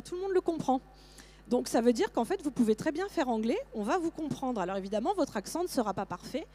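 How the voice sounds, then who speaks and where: Middle-aged woman, lively conference speaker, rather high and mellow voice, talks to teachers. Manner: lively, many fillers and restarts. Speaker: teacher trainer presenting to teachers. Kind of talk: conference talk.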